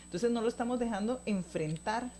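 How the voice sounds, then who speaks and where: A woman's voice: fairly high pitch, a little fast, mellow, slight background noise. A woman hosting a talk show, chatting conversationally and summing up her guest's points with frequent question tags. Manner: conversational, sums up points, often adds a question tag.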